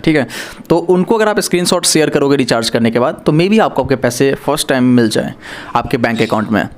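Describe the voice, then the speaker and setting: A young man explaining an online job scam to camera, earnest and cautioning, speaking to viewers as friends in a plain indoor room. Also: medium pitch. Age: young adult. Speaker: YouTube cyber-awareness presenter.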